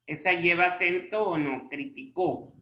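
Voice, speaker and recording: A man teaches a language class, moving slowly and patiently through his examples. His voice sits a little high for a man. It sounds echoey and dull, as if recorded in a bare room on a modest setup. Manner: patient, slow explaining with rhetorical checks. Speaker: Spanish teacher. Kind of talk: online class explanation.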